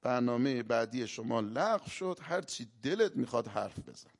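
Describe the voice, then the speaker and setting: Gravelly-voiced joking male lecturer. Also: medium pitch, animated. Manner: joking storyteller who acts out quoted people. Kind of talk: humorous religious lecture.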